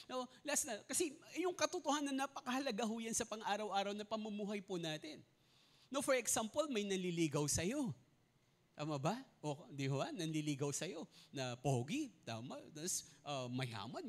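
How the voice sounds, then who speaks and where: A male pastor, preaching a sermon in a polite manner, often asking the congregation questions and leading them in reading aloud. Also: high voice. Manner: animated, asks the congregation questions and leads group reading aloud; polite, tags many lines with respectful particles and "no?".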